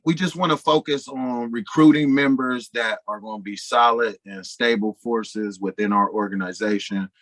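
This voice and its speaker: A man's voice: fairly low pitch, fairly bright tone, no echo, low-quality recording. A man from a nonprofit speaking on a panel, earnest and careful, spelling things out. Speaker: nonprofit founder. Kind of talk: casual panel talk.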